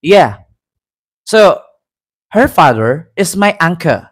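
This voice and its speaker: A man voicing an apologetic adult man who stumbles through halting explanations in English, speaking softly. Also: sits high, sing-song, heavily acted. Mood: sheepish.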